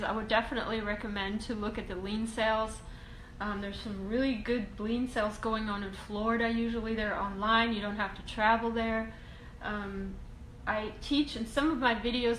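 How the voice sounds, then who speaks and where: A woman from Russia talks through viewer questions on investing in a loose, unscripted way, pausing on ums and restarting her sentences. Her voice sits a little high. The room is echoey, with a faint hiss of ambience behind her. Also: a bit bright. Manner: halting, frequent ums and restarts. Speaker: real estate investing educator. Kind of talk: casual Q&A video talk.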